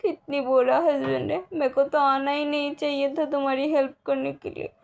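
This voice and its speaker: A woman's voice: sits high, normal speed, gravelly, highs cut off. A woman voicing a whiny, childish pregnant spouse who pleads and sulks in a teary way. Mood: tearful.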